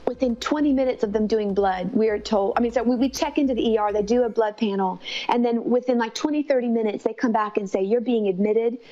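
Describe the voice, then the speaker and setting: A woman's voice: on the high side, fast talker, hardly any pauses, mellow. A woman telling a personal story of faith in an earnest, conversational way. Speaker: mother telling her daughter's illness story. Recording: slightly dull, lo-fi sound.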